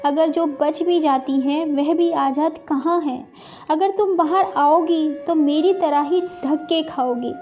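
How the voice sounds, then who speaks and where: A woman's voice: high-pitched, measured pace, darkish tone. A woman voicing a pleading young wife. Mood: tearful. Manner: pleading, tearful.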